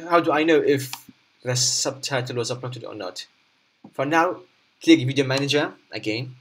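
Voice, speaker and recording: A man presenting an unscripted screen tutorial step by step, haltingly, often repeating and rephrasing his instructions. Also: mid-range voice, a bit bright, slightly rough.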